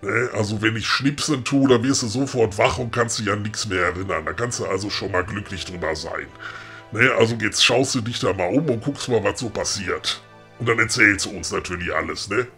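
A man's voice: fairly low pitch, fairly quick, sharp tone, soft background music. A man with a Ruhr German accent playing a grumpy but helpful middle-aged woodcarver in a comedic audio play, chummy and matter-of-fact.

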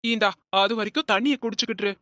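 A woman's voice: mid-range voice, fast talker, dry recording, studio quality, close to an everyday voice. Woman voicing a caring middle-aged man. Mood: concerned. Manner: concerned, gently scolding. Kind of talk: cartoon voice acting.

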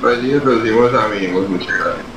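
Pilot over the radio, distant and echoey. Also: male voice, lowish voice, brisk, noisy background. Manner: polite, formal readbacks. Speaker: airline pilot. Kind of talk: radio phraseology.

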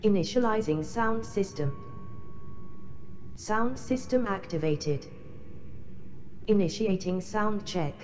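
A synthetic female computer voice announcing system startup and test steps in a flat, clipped, machine-like way. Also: mid-range voice, takes it slowly, long pauses, slight background noise. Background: music playing.

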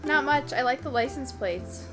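A woman's voice: high voice, expressive, normal speed, over music. A young woman in her twenties, chatting and laughing in a teasing, bubbly way from her bedroom. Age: 20s. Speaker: vlogger. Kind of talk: casual chat and video-chat banter.

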